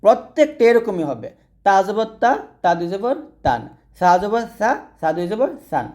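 Male Quran reading teacher, mellow and warm, talks viewers through each step and slows to spell out sounds. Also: sits high, big pitch swings. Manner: explains step by step, asks and answers own questions, slows to spell out sounds. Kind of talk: spoken lesson to viewers.

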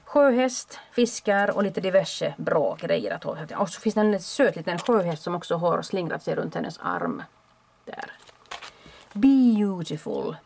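A woman who runs a craft shop, chatting casually and warmly as she shows off new stock at home. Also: fairly low pitch, vocal fry, slight background noise. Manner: chatty and friendly, with small restarts. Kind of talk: casual product show-and-tell.

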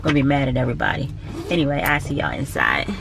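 A young woman talks to a handheld camera in a parked car. Her easygoing, tired chatter swings widely in pitch. Faint traffic noise hums behind her. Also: sing-song, quick pace, gravelly. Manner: chatty, tired and cranky, with laughs. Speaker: vlogger. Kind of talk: casual vlog chat. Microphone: handheld camera close by.

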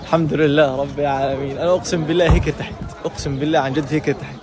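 Rapid, emphatic young Gazan man. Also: fairly high pitch, flat delivery, music in the background. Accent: Gazan Arabic. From Gaza. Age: young adult. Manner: emphatic, swears oaths often, talks rapidly. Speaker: vlogger. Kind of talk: casual personal monologue.

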